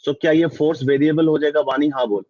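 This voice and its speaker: Husky-voiced man teaching a physics class. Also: fairly high pitch, steady tone, fast talker, mellow, no echo. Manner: mixes Hindi and English, quizzes students often. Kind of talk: online class lecture. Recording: dull dry lo-fi mic.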